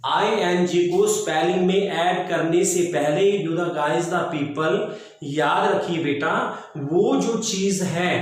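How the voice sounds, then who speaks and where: Man, English teacher, Haryanvi Hindi accent, slow careful dictation, spells words out, classroom lecture. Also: high-pitched. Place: classroom with a board. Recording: very echoey room.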